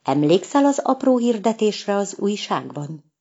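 A woman's voice: mid-range voice, big pitch swings, dark tone, highs cut off. A woman voicing a cheerful, confident male cat who sings in a band, in a storybook. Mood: eager. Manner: eager, teasing.

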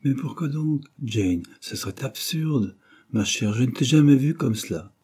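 A man's voice: medium pitch, animated, a little slow, warm tone, slightly rough, voice pushed up. A man reading an ill, worried husband who reassures his wife with anguished sighs. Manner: soothing, reassuring, sighing.

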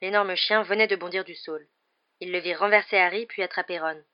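A woman narrating an audiobook with a steady, measured reading. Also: on the low side, highs cut off.

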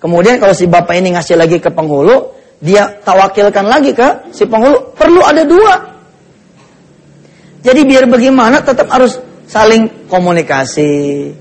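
A man preaching in a mosque, animated and acting out family members in changing voices. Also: high-pitched, moderate pace. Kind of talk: lively mosque sermon.

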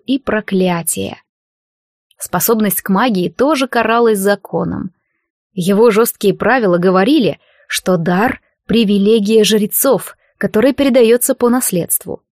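A female audiobook narrator reads a fantasy story in a measured, even storytelling manner at medium pitch. It's scripted narration with a dry, clean studio sound.

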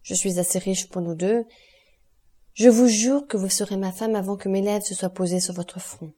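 Ardent young lover read by a woman narrator, urgent and earnest, soft warm tone. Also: mid-range voice, steady tone, moderate pace, lightly acted. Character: young man, ardent, passionate, desperate lover. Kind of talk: audiobook character reading.

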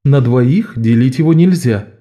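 A man's voice: mid-range voice, expressive, unhurried, dark tone, lightly acted. A man voicing Jean, a blunt, protective adult male thief, firm and commanding. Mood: stern.

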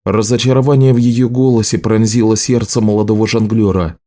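A man reading an audiobook as narrator, in a measured, even way. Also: on the low side.

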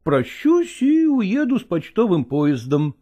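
A man's voice: high voice, wildly swooping pitch, slow pace, dark tone, highs cut off, full character voice. A man voicing a weary middle-aged touring actor in an audiobook drama, coaxing and patronizing. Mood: persuading.

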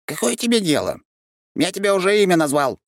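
A man's voice: high-pitched, sing-song, brisk, no room sound, clean studio sound, pitched above the performer's own voice. A man voicing a small, haughty male demon creature that poses as a cat, shrieking insults in a storybook reading. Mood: sulky, haughty.

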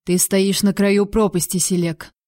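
A woman reading the part of a proud young male warrior, speaking with cold, measured threat. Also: medium pitch, little pitch movement, dark tone, no room sound, studio quality, close to an everyday voice. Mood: cold menace.

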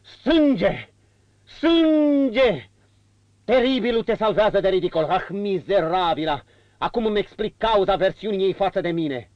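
A man's voice: sits high, expressive, no room sound, voice pushed up. A man voicing an enraged, jealous marquis in his thirties who barks his orders harshly, in a dull recording. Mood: raging. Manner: shouting harshly. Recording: dull lo-fi audio.

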